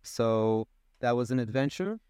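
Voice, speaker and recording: A man in his thirties who grew up in Israel, a podcast guest explaining his work in a relaxed, plain way. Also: medium pitch, unhurried, clean tone, dry recording, clean studio sound. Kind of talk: casual interview conversation.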